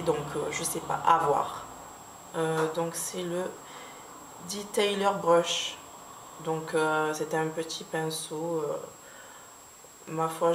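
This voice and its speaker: A woman vlogger casually showing her makeup brushes, talking slowly with many hesitations and fillers. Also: sits low. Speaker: beauty vlogger. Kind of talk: casual product review. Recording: echoey room with faint background hiss.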